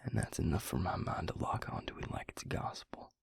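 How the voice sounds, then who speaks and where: In this intimate audio drama, a male performer plays a tired vampire and former healer weighed down by guilt, confessing to his mate in a slow, halting, husky near-whisper. The tone is brooding and regretful, the acting light, and the studio-quality recording dry.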